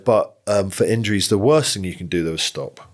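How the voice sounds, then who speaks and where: A man's voice: on the low side, brisk. A man in his forties, a jiu-jitsu coach, giving blunt, frank advice in casual podcast chat with plenty of swearing. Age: 40s.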